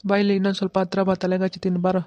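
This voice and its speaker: In cartoon voice acting, a man plays a patient village father who explains the ritual step by step in an instructive mood, constantly asking "okay?" to make sure he's understood. His natural voice sits high and is a little mellow, delivered monotone and rapid-fire with no room sound.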